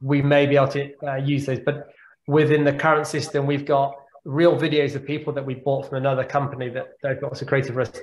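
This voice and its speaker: Speaking briskly at a medium pitch with little rise and fall, a male neurologist in his forties answers audience questions as a guest on a video call. He is reflective, frequently repeating words while he works out his thoughts, and the audio from his home room has an echo.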